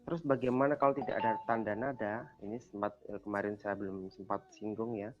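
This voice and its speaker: A man's voice: on the low side, fairly even intonation, a little fast, lo-fi sound, music in the background. A man teaching a language class over a video call, quizzing students and patiently repeating their answers. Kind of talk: online class lesson.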